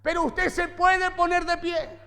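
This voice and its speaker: A man preaching as pastor, his voice strikingly high for a man. He drives his points with repeated phrases and rhetorical questions. The sound rings with the long reverb of a church hall. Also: level tone, unhurried, pushed and bright. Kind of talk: sermon.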